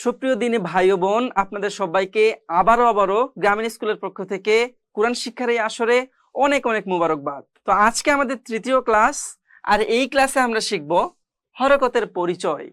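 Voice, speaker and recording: A woman teaching a beginner Quran reading lesson, explaining slowly and deliberately. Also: mid-range voice, animated, a bit bright, dry recording. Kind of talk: online lesson.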